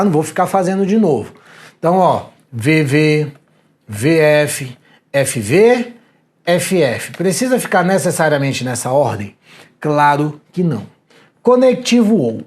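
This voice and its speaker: A man with a Brazilian Portuguese accent teaching an exam prep lesson on video, animated and slangy, talking straight to the viewer. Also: fairly high pitch. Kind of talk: energetic video lecture.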